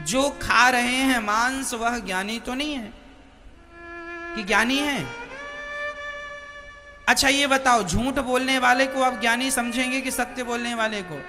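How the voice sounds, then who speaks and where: Very high-voiced slow preaching man. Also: over music. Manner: questioning the listeners, slow and plain. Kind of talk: sermon.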